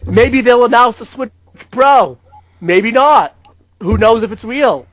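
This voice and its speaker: High-voiced man in mock-dramatic doom. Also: lively intonation, slow pace, fairly bright tone. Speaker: podcast co-host. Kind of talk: casual gaming podcast chat.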